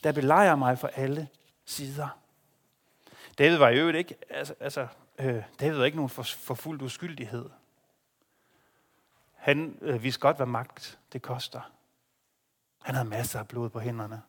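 A man preaching a sermon in a dramatic way, swinging between hushed and loud delivery. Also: mid-range voice, breathy edge.

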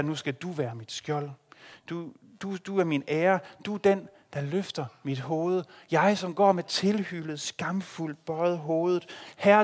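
An anguished warrior-king on the run, crying out to God in fervent, pleading prayer, as a preacher gives him voice. The voice sits fairly high and swells loud with emotion. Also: natural voice. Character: anguished fleeing warrior-king praying aloud.

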